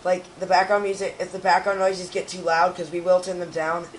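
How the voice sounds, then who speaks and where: A teenage boy with a raspy voice, hoarse from a cold, co-hosting a live stream in casual chat and rambling with lots of fillers. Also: sits high, completely flat delivery, a little fast, slight background noise, low-quality recording. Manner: rambling, full of fillers and restarts.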